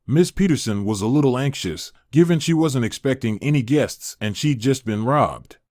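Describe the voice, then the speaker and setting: A man reading a story aloud as scripted narration, in an even, measured way. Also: medium pitch, dry recording, studio quality.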